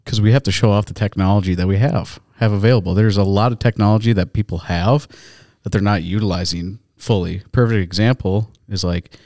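A man's voice: fairly low pitch, fairly even intonation, fairly quick, mellow, dry recording. A man co-hosting a casual podcast in a studio, teasing his partner and laughing easily. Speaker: podcast co-host.

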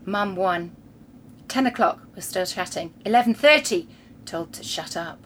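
A woman's voice: medium pitch, animated, measured pace, a bit bright, slight background noise. A woman, hosting a casual chat and reading her teenage diary aloud with dry, wry asides.

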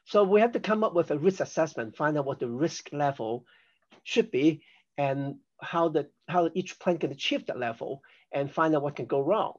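A man's voice: on the high side, moderate pace, dull audio. Older man from Hong Kong explaining at length. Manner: chatty and explanatory, self-deprecating with laughs. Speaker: podcast guest, risk assessment expert. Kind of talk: conversational interview.

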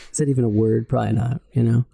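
Late-30s male comedian guest, gravelly voice, loose rambling chat full of fillers. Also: medium pitch, flat delivery, very fast, mellow. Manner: rambling, heavy on "like" and "you know". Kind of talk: casual chat.

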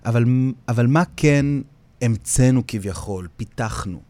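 A man's voice: mid-range voice, a little mellow, dry recording. A man with an Israeli accent, the founder of a community singing project, talking in an interview in an earnest way and repeating phrases for emphasis. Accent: Israeli Hebrew. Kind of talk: interview, reflective talk.

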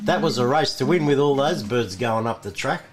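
A man's voice: mid-range voice, animated, normal speed, a loud crowd. Matey Australian male radio host. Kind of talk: casual radio chat.

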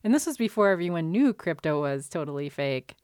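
A woman co-hosting a podcast talks through films in a loose, chatty way and laughs easily. Her voice sits on the low side and sounds smooth and resonant, with a dry, close sound. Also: big pitch swings, a little fast, a little mellow, no echo. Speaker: podcast co-host. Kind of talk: casual film chat.

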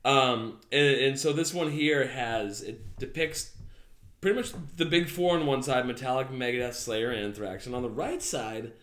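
A man's voice: medium pitch, moderate pace, a bit bright. A man co-hosting a casual podcast. He lays out a discussion topic with many "um"s and restarts. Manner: hesitant, many "um"s and restarts while laying out a topic. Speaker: podcast co-host. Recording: roomy echo.

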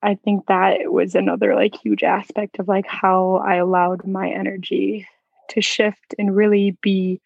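A woman's voice: medium pitch, little pitch movement, unhurried, vocal fry, husky, no room sound. A woman speaks as a podcast guest, reflective and casual, leaning on filler words. The recording is dry and a little dull and muffled. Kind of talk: casual conversation.

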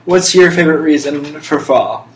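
With a fairly high pitch and a normal speed, a young man hosts a laid-back podcast, holding forth in playful monologues with emphatic, mock-serious delivery. Faint background noise and a roomy echo color the audio.

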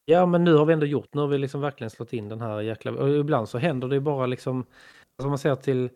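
A man co-hosting a casual fan podcast, calm and agreeable, backing his partner up with short replies. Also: mid-range voice, no room sound, clean studio sound. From Sweden. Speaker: podcast co-host.

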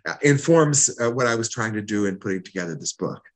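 A man's voice: fairly low pitch, lively intonation, a little fast. A man who is a rabbi, answering interview questions in a thoughtful way, often repeating words as he gathers his thoughts.

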